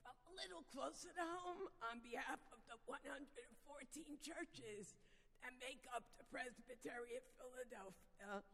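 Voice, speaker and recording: A woman guest preacher with a husky, strained, sultry voice, addressing a congregation in measured, deliberate phrases. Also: high-pitched, a bit bright. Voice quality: husky, strained voice from vocal dysphonia, self-described as sultry. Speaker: guest preacher, church executive presbyter. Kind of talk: sermon with greetings to congregation. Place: large church sanctuary. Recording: reverberant church hall, amplified.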